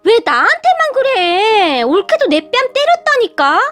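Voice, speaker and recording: Woman doing a shrill, whiny sister-in-law. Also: very animated, moderate pace, fairly bright tone, soft background music, full character voice. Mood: tearful whining. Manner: shrieking, whiny, tearful.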